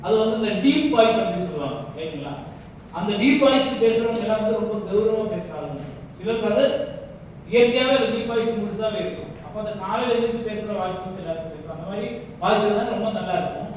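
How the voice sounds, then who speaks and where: A woman's voice: medium pitch, expressive, fast, darkish tone, highs cut off, a little hiss or hum. A woman leading a public speaking workshop, explaining points and often checking that the room understands. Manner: explains, then checks understanding with frequent questions. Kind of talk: workshop lecture with demonstrations. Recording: echoey hall, distant mic, faint ambience.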